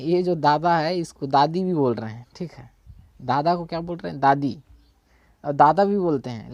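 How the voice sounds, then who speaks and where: A man's voice: a little high, a little mellow, dry recording, muffled recording. Man teaching vocabulary in casual Hindi. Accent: Chhattisgarhi Hindi. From India. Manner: repeats and checks with "thik hai", corrects own slips. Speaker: language teacher. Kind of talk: casual spoken lesson.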